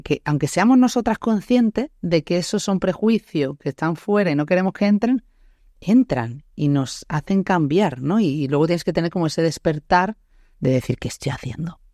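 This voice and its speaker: A woman's voice: lowish voice, lively intonation, moderate pace, mellow, no room sound. Andalusian woman podcast host, reflective, thinks aloud, dry room. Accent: Andalusian Spanish. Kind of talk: casual interview chat.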